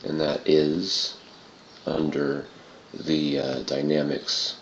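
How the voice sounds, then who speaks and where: Casual male tutorial narrator, very low and throaty with heavy fry, noisy home recording. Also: level tone, slow pace. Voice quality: gravelly, throaty. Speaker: tutorial presenter. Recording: muffled, roomy home recording with clear noise.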